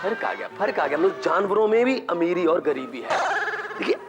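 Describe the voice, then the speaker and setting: An Indian man delivers a stand-up comedy routine with animated energy, his voice sitting fairly high for a man. He slides into little character voices to land his jokes. Faint music plays underneath. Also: fairly quick, dull audio. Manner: animated, mimics characters mid-joke.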